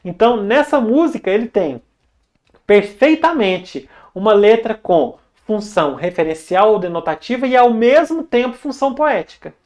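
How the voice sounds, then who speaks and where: A young woman teaching an online grammar lesson in a Brazilian Portuguese accent, chatty and lively, talking straight to the viewer. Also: a little high, moderate pace.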